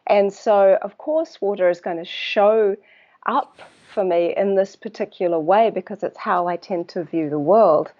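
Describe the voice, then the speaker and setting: A woman with a New Zealand accent and a mid-range voice speaks as a guest in a casual interview about her work as a water researcher. She's thoughtful and unhurried, often pausing to search for words, and the audio has its highs cut off.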